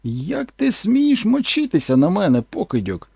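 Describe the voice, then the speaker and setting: A shrill, furious glamorous actress shrieking and scolding, as a man puts her on in an audiobook. The voice is pushed very high and husky, and it sounds set back from the mic in a dry room. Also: expressive, a little slow, darkish tone, dry recording, exaggerated voice. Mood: indignant. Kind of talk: audiobook character voice.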